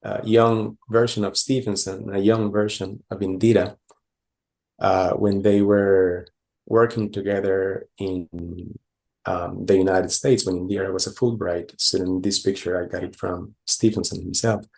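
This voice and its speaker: Gravelly low-voiced man from Costa Rica. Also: little pitch movement, measured pace, a little mellow. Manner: hesitant, many fillers and restarts. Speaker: conference presenter. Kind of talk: conference talk with slides.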